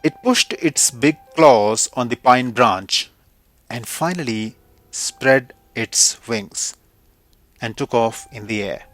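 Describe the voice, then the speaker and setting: A man from India, narrating an audio story in a measured, reflective way. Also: medium pitch, fairly bright tone, no room sound. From India, Kumaon Himalayas.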